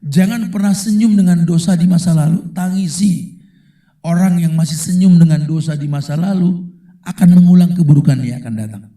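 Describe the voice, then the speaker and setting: A man preaching a casual, slangy sermon, animated and acting out the people he quotes. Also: sits high, a little fast, roomy sound. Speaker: Islamic preacher.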